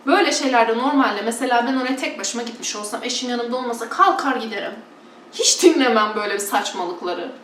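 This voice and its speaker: A woman's voice: fairly high pitch, lively intonation, quick pace, fairly bright tone, echoey room, far from the mic, slight background noise. A woman from Turkey chatting casually and bluntly to her followers, mocking preachers with exaggerated imitations. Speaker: vlogger.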